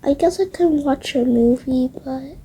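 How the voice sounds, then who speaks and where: Her voice is high-pitched and a little slow as this young-sounding roleplay video creator narrates an improvised game roleplay. She keeps it casual yet hushed and tentative, frequently fading off into a whisper.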